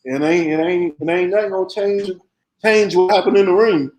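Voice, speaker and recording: A man's voice: high-pitched, normal speed, darkish tone, rough recording. A man co-hosting a casual boxing chat, throwing in profane, laughing side comments. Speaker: podcast co-host.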